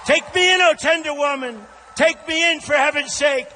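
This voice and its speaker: A man's voice: very high-pitched, normal speed, sharp tone, slight background noise, voice pushed up. An American man voicing a sly, venomous snake that pleads theatrically, in a verse fable recited as a rally speech. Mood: pleading. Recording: large echoing hall over PA.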